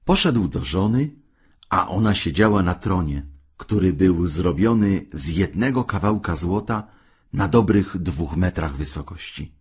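Slow, breathy male fairy-tale storyteller. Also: deep voice, a little mellow.

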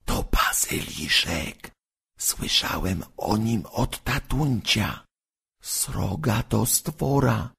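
A man voicing a serious young boy who speaks in a hushed, trembling voice. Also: sits low, breathy edge, full character voice.

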